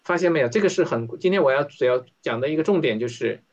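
A man's voice: a little high, lively intonation, fast. A man leading an interactive Bible study, talking conversationally and often asking his listeners questions. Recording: dull lo-fi recording.

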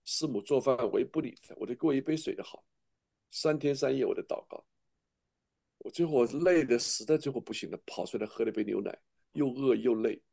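A man's voice: mid-range voice, fairly quick, vocal fry, warm tone. A middle-aged man, a pastor, preaching a sermon with earnest, emotional testimony and frequent restarts.

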